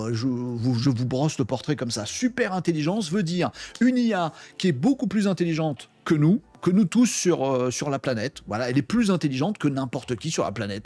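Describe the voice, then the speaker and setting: A man hosting a casual tech news show, talking in an animated, emphatic way with lots of slang and asides. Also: medium pitch, no room sound. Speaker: host of a tech news channel.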